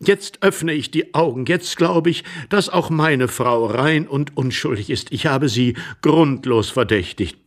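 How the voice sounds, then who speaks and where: A man's voice: medium pitch, expressive, a little slow, hardly any pauses, voice pushed up. A man doing a flustered, fawning jealous husband. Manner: rambling, apologetic, fawning.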